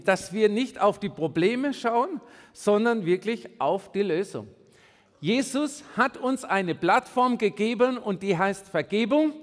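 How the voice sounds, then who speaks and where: A male pastor delivering an emphatic sermon, swinging between raised and hushed delivery. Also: high voice. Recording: long reverb in a large hall.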